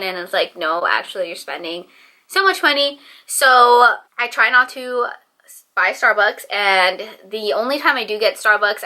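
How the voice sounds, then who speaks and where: A woman's voice: mid-range voice, pushed and bright. A woman in her twenties from the San Francisco Bay Area, chatting casually to camera as a vlogger, rambling with lots of fillers. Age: 20s.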